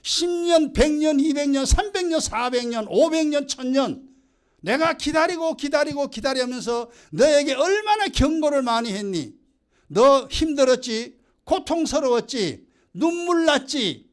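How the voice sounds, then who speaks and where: A man's voice: very high voice, animated, unhurried, voice pushed up. A man voicing God as a stern, pleading father who scolds people for not listening to him, in a sermon. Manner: scolding, raising his voice.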